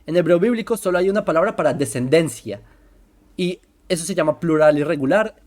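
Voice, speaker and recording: A presenter explaining religious texts in a commentary lesson, slowing down to spell out terms and often asking whether listeners follow. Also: mid-range voice, darkish tone. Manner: keeps checking listeners follow, asking "right?"; slows down to spell out terms and examples.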